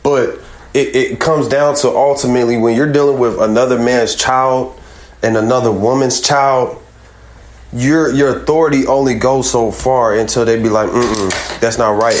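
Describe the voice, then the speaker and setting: Guy on a group call making his point, quoting scripture, kinda echoey with faint hiss. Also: medium pitch. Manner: earnest, quotes scripture, speaks with conviction. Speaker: call-in panelist. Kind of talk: casual debate on a group call.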